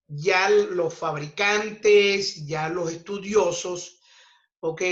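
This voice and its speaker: A man's voice: high voice, fairly bright tone. A man teaching a physics lesson, explaining step by step and checking in with "ok?" after nearly every point. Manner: slow, deliberate explaining, checks in with "ok?" constantly. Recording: roomy, dull lo-fi recording.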